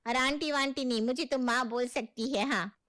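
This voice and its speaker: A woman's voice: high-pitched, fairly even intonation, moderate pace, fairly bright tone. A woman voicing an affectionate elderly mother figure in a cartoon story. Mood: gentle.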